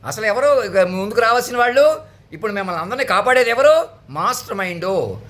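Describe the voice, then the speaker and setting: A man's voice: high voice, lively intonation, quick pace, fairly bright tone. A man who calls himself a spiritual leader, delivering a commanding, declamatory sermon full of repeated phrases. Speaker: self-styled spiritual leader. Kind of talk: proclamatory sermon.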